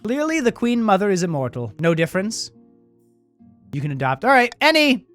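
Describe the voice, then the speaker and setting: A man giving casual, animated playthrough commentary, thinking aloud as he plays and reads out game text. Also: high voice, normal speed, soft background music.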